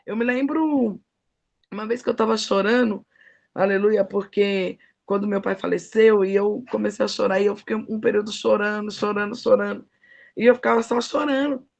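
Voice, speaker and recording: Gravelly middle-aged woman preaching. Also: mid-range voice, steady tone, moderate pace. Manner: emphatic, folksy storytelling. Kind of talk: devotional sermon.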